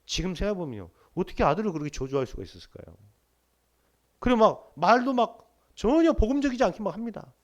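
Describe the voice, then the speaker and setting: A man's voice: sits high, sing-song, fast, highs cut off. A middle-aged man preaching a sermon in church, emphatic and humorous, while sick with body aches. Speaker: pastor. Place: church sanctuary.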